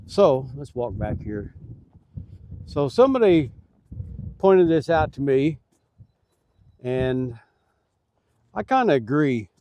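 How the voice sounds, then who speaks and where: A man's voice: medium pitch, sing-song, slow, long pauses, mellow. A middle-aged man who keeps bees, talking in a casual, earnest and folksy way while he walks among his hives outdoors. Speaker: beekeeper. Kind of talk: casual vlog talk. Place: outdoors at beehives.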